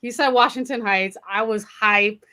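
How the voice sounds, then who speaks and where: A woman from New York co-hosts a casual podcast with a slightly high voice. She talks in an animated, blunt and playful way. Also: normal speed. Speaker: podcast co-host. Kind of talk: casual chat.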